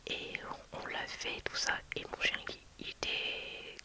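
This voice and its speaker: Unhurried and whispering, a female video creator recounts a personal story for her viewers. She sounds hushed and hesitant, often restarting and filling gaps with fillers.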